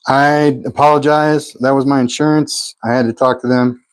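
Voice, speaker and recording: On a low-quality recording without room sound, a man with a clear, resonant, medium-pitched voice speaks at normal speed in a level tone. He's streaming live from his home workshop by phone for his pulse motor channel, reading off meter values and tossing in casual remarks.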